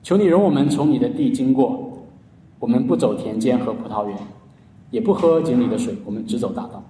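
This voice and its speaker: A man preaching a sermon in a mellow, relaxed voice, earnestly telling a story and drawing out his sentence endings. He sounds far from the mic, his words ringing through a large, echoing hall. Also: mid-range voice, a little fast, a little hiss or hum. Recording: echoey hall, heard from a distance.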